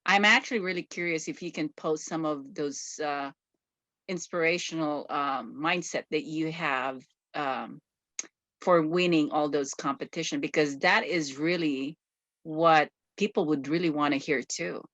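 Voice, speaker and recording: A woman's voice: sits low, unhurried, fairly bright tone, dry recording. A woman from the Philippines hosting an interview, enthusiastic and effusive with praise. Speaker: interview host. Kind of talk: casual interview conversation.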